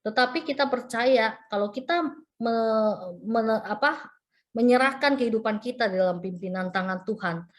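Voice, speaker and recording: A woman preacher giving a sermon as a personal story, acting out the phone calls and messages she describes. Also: on the high side.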